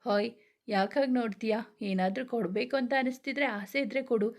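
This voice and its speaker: A playful young husband who coaxes his bride with fond, teasing words, voiced by a woman narrator. The voice sits a little high and is given in a soft storytelling read. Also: brisk, close to an everyday voice. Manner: teasing, coaxing.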